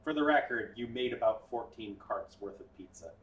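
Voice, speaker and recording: A man narrating as game master in a relaxed, offhand way, full of "like" and "um". He sits well back from the mic in an echoey room. His pitch is middling. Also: normal speed, far from the mic. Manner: casual, explanatory, with fillers.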